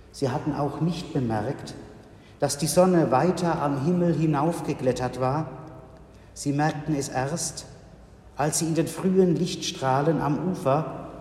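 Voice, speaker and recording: A male pastor giving a sermon in a slow, measured way with solemn pauses, in a church. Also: fairly high pitch, warm tone, slight background noise. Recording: reverberant church hall.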